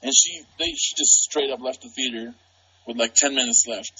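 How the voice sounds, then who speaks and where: Gravelly animated man on a muffled phone. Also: mid-range voice, normal speed, slight background noise. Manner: animated storyteller, slangy. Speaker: cousin reviewing movies. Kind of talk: casual chat. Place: at his parents' house. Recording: muffled choppy speakerphone call.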